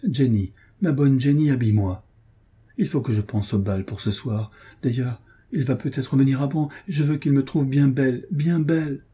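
A man's voice: mid-range voice, normal speed, dark tone, husky, pitched above the performer's own voice, close to an everyday voice. A man reading aloud, voicing a grief-stricken young noblewoman who pleads in a feverish, desperate way.

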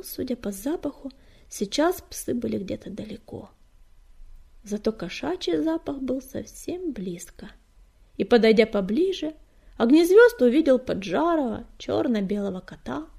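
Husky, gravelly woman narrating a storybook. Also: a little high, mellow. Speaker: audiobook narrator. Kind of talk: audiobook narration.

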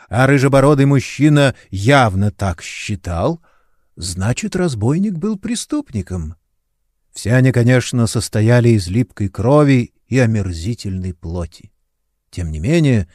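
A man's voice: medium pitch, a little mellow, dry recording, clean studio sound. A man narrating a fantasy novel as an audiobook, reading dramatically. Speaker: audiobook reader.

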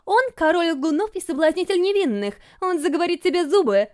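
A woman voicing a stubborn, sharp-tongued young princess, scolding and indignant in an audiobook reading. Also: very high voice, animated, brisk, pitched above the performer's own voice. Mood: commanding.

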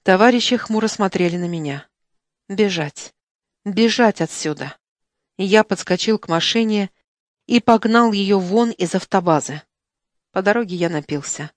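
A woman reads a first-person audiobook in a measured, even storytelling voice. The studio sound is dry and close, with no room around it. Her pitch sits mid-range for a woman. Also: dry recording. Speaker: audiobook narrator. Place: recording studio.

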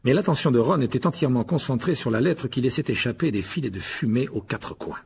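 A man's voice: mid-range voice, animated, fast, vocal fry, darkish tone, a little hiss or hum. A man reading a children's novel aloud as an audiobook narrator, telling the story expressively. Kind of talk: scripted narration.

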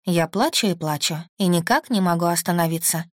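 A woman's voice: fairly low pitch, fairly quick, no room sound, clean studio sound. A woman reading an audiobook in the first person. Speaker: audiobook narrator.

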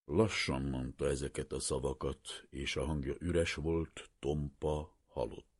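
A man narrating a story aloud in a measured, expressive way. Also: rumbling low, slightly rough, no room sound, studio quality. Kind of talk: storybook reading.

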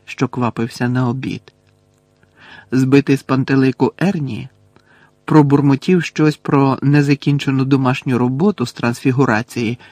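A man reading an audiobook in a steady, expressive narrating voice. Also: mid-range voice, no echo.

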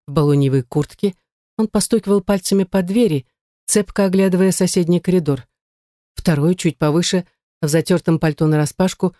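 A woman reading a first-person novel aloud as an audiobook narrator, in a measured, tense storytelling manner. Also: lowish voice, dark tone, dry recording, clean studio sound.

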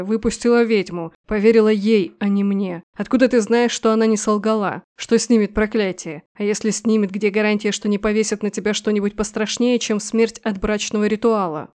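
A woman voicing a furious male general who speaks low and strained, as in a growl, in a storybook reading. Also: darkish tone, close to an everyday voice.

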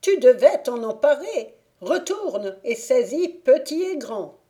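A woman's voice: sing-song, slow pace, full character voice. Woman putting on a furious shrieking fairy. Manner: shrill commanding shouts. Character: furious imperious female fairy captor.

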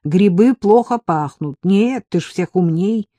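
A woman voicing a brisk, bossy young woman who talks bluntly and sardonically, in a mellow, dry-sounding audiobook read. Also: fairly low pitch, animated, no echo.

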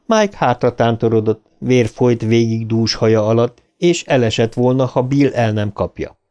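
A man reading an audiobook aloud in an expressive, dramatic narration style. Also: medium pitch, clean tone.

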